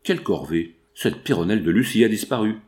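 A man reading a sharp-tongued young shop girl. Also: fairly low pitch, animated, brisk, lightly acted. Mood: brisk.

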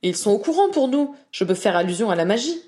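A woman voicing an excitable, defensive young male wizard who protests in a raised voice. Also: medium pitch, quick pace, lightly acted. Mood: protesting.

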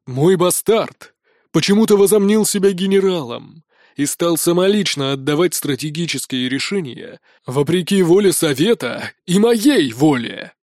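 A man voicing a wrathful, domineering king scolding his son in an audiobook, with a booming, shouting delivery. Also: animated, normal speed, no echo, clean studio sound, lightly acted. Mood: furious. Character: wrathful middle-aged male king, domineering father. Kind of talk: audiobook character voice.

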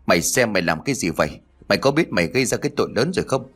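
A man's voice: on the low side, sing-song, quick pace, fairly bright tone, slightly rough, soft background music, full character voice. A man reading a ghost story voices an angry, grieving older brother who scolds harshly.

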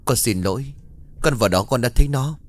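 A man's voice: medium pitch, brisk, lightly acted. A man voicing a frightened young woman who pleads tearfully with her father in a ghost story. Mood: pleading.

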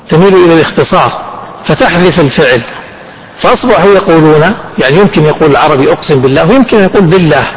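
A man teaching a fiqh text. He asks his students questions, answers them himself, and slows down to stress the key phrases. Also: on the high side, rough recording. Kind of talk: classroom lesson explaining a text.

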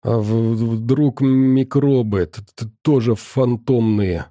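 A man's voice: mid-range voice, animated, measured pace, mellow, no room sound, studio quality. A man voicing a playful, bold young girl who stammers as she shivers with cold. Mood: shivering. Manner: stammering through chattering teeth.

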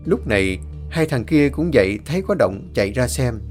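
A man's voice: medium pitch, expressive, normal speed, a little mellow, faint music behind. A man narrating a ghost story and voicing each of the characters himself.

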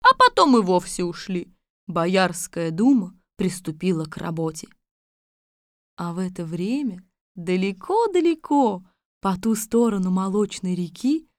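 Expressive woman reading a fairy tale. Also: fairly low pitch, no room sound, clean studio sound. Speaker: narrator. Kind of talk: scripted storybook narration.

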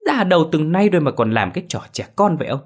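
A man voicing a sharp-tongued village wife who mocks and nags her husband, in a spoken ghost story. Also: sing-song, brisk. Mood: scolding. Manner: shrill, mocking, nagging.

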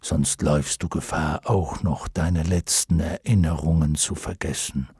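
A man voicing a wise, solemn male luck dragon in an audiobook, speaking slowly and gravely. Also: rumbling low, fairly even intonation, a little mellow, no room sound, studio quality, pitched below the performer's own voice, exaggerated voice. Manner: slow, grave, almost ceremonious. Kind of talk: audiobook character voice.

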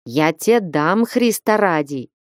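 Woman doing a shouty old peasant dad from a storybook, slow heavy yelling, dry sound. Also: lowish voice, expressive, no room sound. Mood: furious shouting. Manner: shouting, thundering. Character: stern old peasant father, hot-tempered yet soft-hearted.

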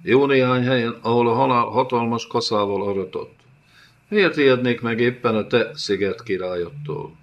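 A man's voice: medium pitch, lo-fi sound, voice pushed up, close to an everyday voice. A man voicing a tough male nomad warrior who speaks curtly and grumbles. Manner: curt, grumbling.

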